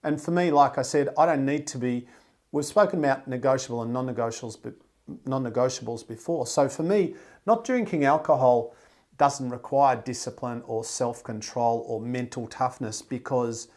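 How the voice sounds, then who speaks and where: A man's voice: mid-range voice, moderate pace. A man hosting a podcast, talking bluntly and emphatically, swearing freely. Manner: restarts and fillers, animated delivery. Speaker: podcast host. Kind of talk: casual podcast conversation.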